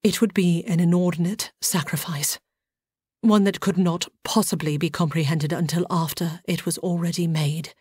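A woman voicing a reserved, formal male nobleman who speaks quietly and with earnest, halting sincerity. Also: on the low side, steady tone, breathy edge, no echo, clean studio sound.

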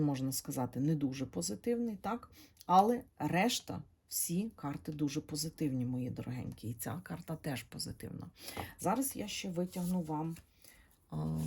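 A woman giving a tarot reading to her viewers, speaking in a gentle, halting way and calling them her dears. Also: deep voice, a little hiss or hum. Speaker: tarot reader.

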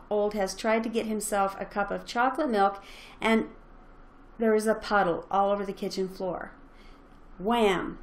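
Speaking straight to her listeners, a middle-aged woman delivers an earnest, encouraging motivational talk as a parenting coach. Her voice sits at a medium pitch.

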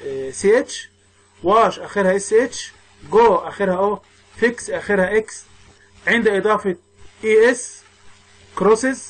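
A man with an Egyptian Arabic accent teaches English grammar in a recorded lesson, in a high voice. He works through the rules step by step, putting questions and then answering them. He reads word lists slowly and loudly for repetition. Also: rough recording.

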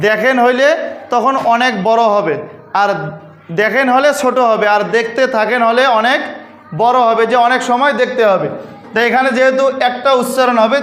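A teacher from Bangladesh giving a lesson, drilling letter names aloud and asking the class questions. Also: medium pitch. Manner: asks the class questions and answers them. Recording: echoey room with loud noise.

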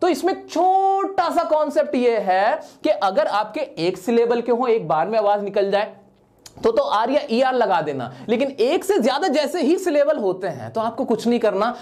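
A male teacher with a fairly high voice works through a grammar lesson at a whiteboard. He fires questions at his class and answers them himself, now and then voicing a student's question. His delivery is that of a classroom lesson. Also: very animated, moderate pace, darkish tone. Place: at a whiteboard, writing while teaching.

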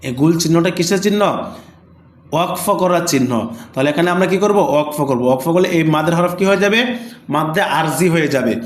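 A man teaching Quran reading step by step, spelling out letters slowly and then asking and answering his own questions, with a Bangladeshi Bengali accent. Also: a little high, reverberant. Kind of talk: step-by-step recitation lesson.

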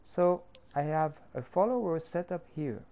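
An animated man with a somewhat high, slightly mellow voice leads a step-by-step game-editor tutorial. French is his first language, and his English carries that accent. He doesn't rush, filling gaps with hesitations as he explains.

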